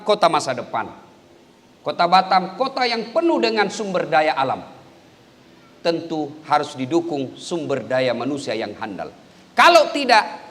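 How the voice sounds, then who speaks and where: A man preaching a sermon at an event, animated, leaping up to high emphatic calls. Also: long reverb tail. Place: event hall with an audience.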